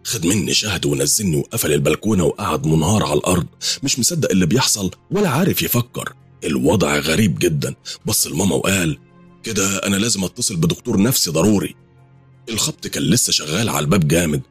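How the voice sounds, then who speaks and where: Deep husky Egyptian male narrator. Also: expressive, fast talker, soft background music. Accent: Egyptian Arabic. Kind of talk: horror story narration.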